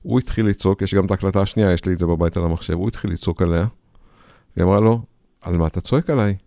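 A man in a radio conversation, telling a story in a lively way and acting out the people in it. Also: low voice, vocal fry, no room sound, studio quality. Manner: storytelling, acts out quoted speech.

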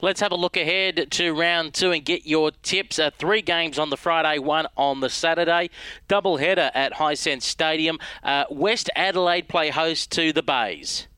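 Male sports radio host, bright and smooth, briskly reads fixtures. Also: on the high side, no room sound.

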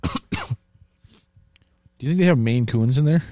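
A man's voice: mid-range voice, unhurried, mellow, no echo, clean studio sound. A man in a casual, crude, rambling chat with a friend. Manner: rambling, crude, joking, repeats catchphrases.

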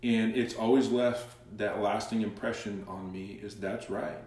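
A man, a coach being interviewed, telling stories in an animated way. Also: fairly low pitch, a little slow. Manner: animated storyteller, acts out quoted dialogue. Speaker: guest, soccer coach. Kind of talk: casual interview storytelling. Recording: very echoey room, far from the mic.

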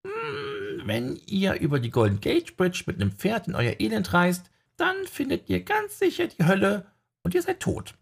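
A man voicing a goofy male friend in a very high, squeaky voice, read as an audiobook. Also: huge pitch swings, unhurried, gravelly, slightly rough, exaggerated voice.

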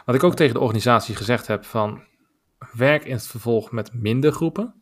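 A man with a Dutch accent co-hosting a podcast, talking in a measured, opinionated way with many filler pauses. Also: mid-range voice. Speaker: podcast co-host. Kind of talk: casual podcast discussion.

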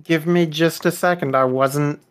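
A woman's voice: low-pitched, fairly even intonation, a little slow. A woman casually running a tabletop game as game master, improvising and checking in with her players.

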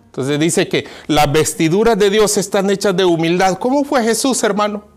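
A man from Mexico, preaching a sermon. He keeps calling his listeners brother, asks them questions and swings between loud and hushed. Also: high-pitched, normal speed, soft background music.

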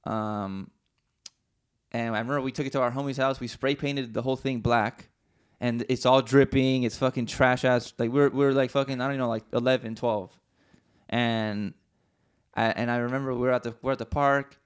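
A man's voice: mid-range voice, fairly even intonation, moderate pace, smooth. A man telling a long story in casual chat, rambling and slangy, swearing often, with many restarts. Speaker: podcast co-host.

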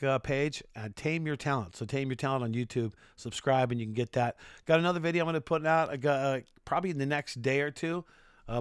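A man's voice: mid-range voice, a bit bright, clear, resonant tone, no echo, clean studio sound. A middle-aged American man hosting his own podcast, chatting in an upbeat, rambling way with lots of fillers. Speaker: podcast host and sports announcer. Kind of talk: casual solo podcast talk.

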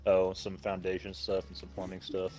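A man's voice: sits low, monotone, normal speed, over music. Laid-back man, slight lisp. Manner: laid-back, swears freely, slight lisp from a new denture. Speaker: gamer chatting with friends. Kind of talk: casual gaming voice chat.

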